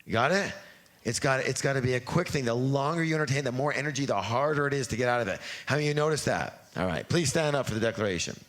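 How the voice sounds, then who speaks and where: A man addresses a live seminar audience, his pitch leaping around expressively. He drifts into rambling stories and acts out his own inner voice. He also leads the room in call-and-response chants. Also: expressive, fast, a bit bright. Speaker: seminar trainer.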